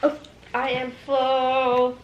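A woman's voice: high voice, monotone, extremely slow, muffled recording, a little hiss or hum. A woman chatting casually on a food vlog while her mouth is full of burger. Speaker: mukbang co-host. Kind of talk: casual mukbang chat.

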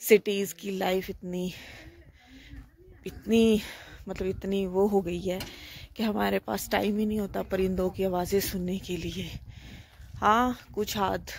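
A woman's voice: medium pitch, flat delivery, unhurried, creaky. A woman in her thirties chatting to camera in a reflective, casual way while walking outdoors before dawn, phone held at arm's length. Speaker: vlogger. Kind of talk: casual vlog narration.

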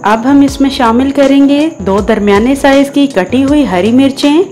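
This cooking-show host is a woman with a Pakistani Urdu accent whose high voice carries a darkish tone at a normal speed. She gives patient, step-by-step recipe directions, enthusiastic about what she's making, over faint background music in a voice-over.

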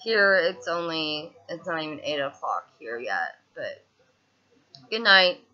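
A twentysomething vlogger with a Southern US twang unloads her frustrations in a casual video diary, filmed on a laptop webcam from a couch in a small indoor room. She speaks slowly in a low, sharp-toned voice that is very animated, peppered with fillers and restarts, and the sound is lo-fi.

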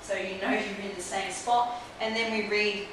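Here a trichologist in her forties demonstrates a hands-on technique on a client, explaining each step in a compact clinic room. She speaks at a normal speed in a steady, mid-range voice. The audio comes from a distant camera mic, so there's audible room echo and background hiss.

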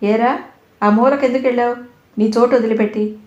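A woman's voice: a little high, fairly even intonation, normal speed, darkish tone, roomy sound, muffled recording, close to an everyday voice. A woman voicing a stern, short-tempered schoolteacher who scolds her class sharply. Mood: scolding.

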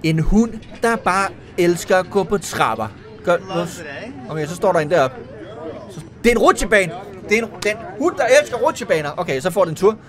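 Male YouTuber on animal-video reactions: a high, playful voice full of exclamations, over soft music. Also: expressive. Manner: playful, exclaiming, jokey asides. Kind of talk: comedic video reaction commentary.

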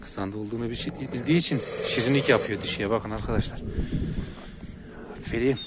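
A man's voice: fast, heavy background noise. A man presenting his own dog vlog, talking to viewers while tending his dogs outdoors. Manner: coos at dogs in a high, loud voice, calm and lower when explaining. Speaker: dog breeder vlogger. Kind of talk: casual vlog narration to viewers.

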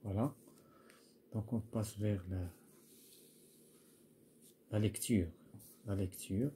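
Slow, husky-voiced man teaching a child. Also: lowish voice, mellow. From Morocco. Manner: patient, repeats each word for a child to echo. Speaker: primary school teacher. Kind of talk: guided workbook lesson.

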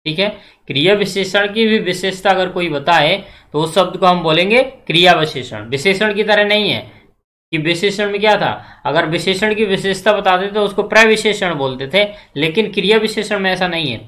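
At a normal speed, a male Hindi grammar teacher speaks in an animated, high-pitched voice that is bright and forceful. Preparing students for exams, he repeats points, quizzes the class and answers his own questions, checking in often.

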